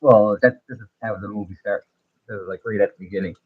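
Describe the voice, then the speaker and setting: A man's voice: on the low side, fairly even intonation, quick pace, husky, no room sound. A man chatting casually on a livestream, his voice muffled as if heard through a wall, trailing off with fillers. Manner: laid-back, trailing off with fillers. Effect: muffled voice, as if through a wall or underwater. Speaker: streamer co-host. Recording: muffled lo-fi earbud mic.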